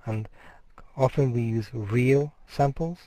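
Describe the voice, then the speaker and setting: Taking it slowly, a middle-aged lecturer walks university students through the material step by step, occasionally restarting a word partway through. His medium-pitched voice is warm, and the recorded lecture carries a little hiss or hum.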